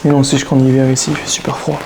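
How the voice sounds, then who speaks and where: A man's voice: medium pitch, completely flat delivery, racing, noisy background. A young man vlogging casually about his training, giving coaching tips in a chatty, slangy way. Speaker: fitness vlogger. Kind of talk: casual vlog talk to camera.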